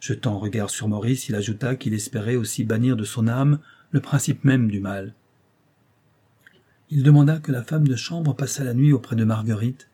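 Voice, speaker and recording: A man narrating a classic tale as an audiobook in a steady storytelling manner. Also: mid-range voice, normal speed, husky.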